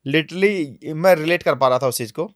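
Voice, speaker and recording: A man being interviewed on a podcast, telling travel stories in a lively, animated way, sometimes dropping to low, quiet asides. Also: moderate pace, dry recording, studio quality. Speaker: travel vlogger guest. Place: podcast studio.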